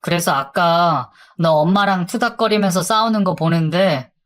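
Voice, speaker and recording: A woman's voice: lowish voice, normal speed, lightly acted. A laid-back young man , voiced by a woman storyteller in nearly her own voice, teasing with a casual grin in his words. He speaks loosely and plainly, never raising his voice. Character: goofy, easygoing young man who teases.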